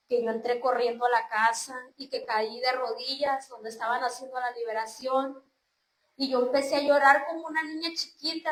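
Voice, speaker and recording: An earnest woman from Mexico shares her religious testimony, often turning to address her listeners as brothers and sisters. Her voice sits high. It rings in a roomy, echoing space. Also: a bit bright. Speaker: churchgoer giving testimony. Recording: roomy echo.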